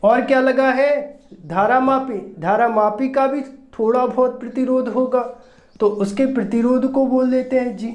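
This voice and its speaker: Slow, echoey physics teacher lecture. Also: high voice, fairly even intonation, a little mellow. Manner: repeats each step and asks rhetorical check questions. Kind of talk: recorded classroom-style lecture. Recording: roomy echo.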